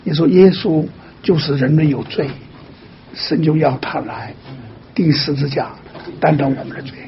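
A man with a slightly high voice counsels a caller in a patient, teaching way. He lays out each point slowly and keeps softly checking in. The sound is muffled and lo-fi. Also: a little hiss or hum. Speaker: pastor answering a caller. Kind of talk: pastoral counseling.

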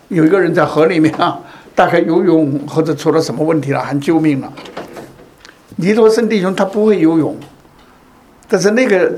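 A man's voice: a little high, darkish tone, slight background noise. A man preaching a sermon, repeating phrases and asking rhetorical questions.

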